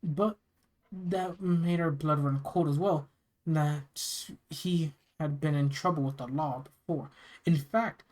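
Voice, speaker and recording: Horror story narrator from the US, mid-pitched, halting read with repeated phrases and casual delivery. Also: darkish tone, poor audio. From United States. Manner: halting reading, often stumbling and repeating phrases. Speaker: narrator reading scary stories. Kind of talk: reading a first-person horror story aloud, with casual asides.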